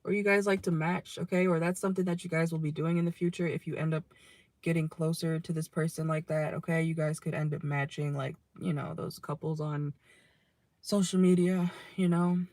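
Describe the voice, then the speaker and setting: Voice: mid-range voice, flat delivery, a little fast, a little mellow, no echo. A young adult tarot reader giving a casual reading from a parked car, chatty and loose, swearing now and then and tagging nearly every line with "okay?".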